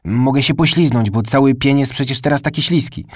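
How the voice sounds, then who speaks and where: A man's voice: fairly low pitch, fairly even intonation, moderate pace, darkish tone, no echo, clean studio sound, close to an everyday voice. A man voicing a small, shy, curious boy in an audiobook. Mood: whiny. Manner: timid, questioning.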